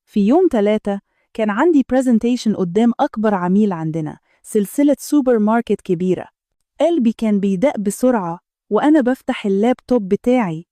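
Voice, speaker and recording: A woman's voice: mid-range voice, animated, fairly quick, dark tone, no room sound. A woman with an Egyptian Arabic accent telling a first-person story in scripted narration, in an intimate, confessional way.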